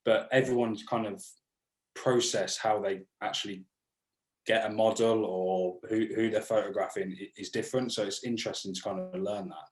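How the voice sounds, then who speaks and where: A fairly low-pitched man who hosts a casual chat and asks long, eager questions full of restarts. His voice sounds roomy and echoey. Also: fairly even intonation, moderate pace. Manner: enthusiastic, rambling questions with many restarts. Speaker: podcast host. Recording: roomy echo.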